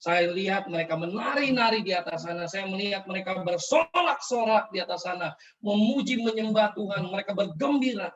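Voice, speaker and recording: A man preaches an emotional testimony with fervent, repeating phrases. His voice sits high for a man. He is heard from a distance on a dull, lo-fi recording. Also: animated, fairly quick. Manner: fervent, repetitive storytelling. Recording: distant mic, dull lo-fi sound.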